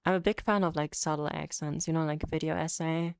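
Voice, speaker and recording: This VTuber, a young woman whose first language is Polish, has a low, clean voice with fairly even intonation and a slightly fast pace, recorded without echo. Her English accent mixes American and British. Chatting casually on stream and reading chat aloud, she rambles, self-corrects, restarts often, fills gaps with fillers and laughs readily.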